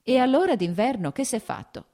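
A woman's voice: a little high, sing-song, brisk, dark tone, voice pushed up. A woman reading the part of a short-tempered landowner man who fires off impatient, scolding questions.

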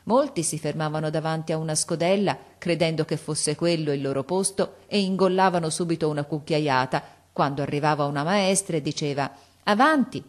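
A woman narrating a classic novel as an audiobook, with measured, expressive storytelling. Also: low-pitched.

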